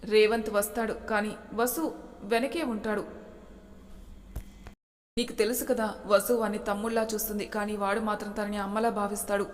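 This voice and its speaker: A woman doing a calm, soothing grown son. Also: medium pitch, normal speed, pauses often, long reverb tail, close to an everyday voice. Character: calm adult son, soothing his mother.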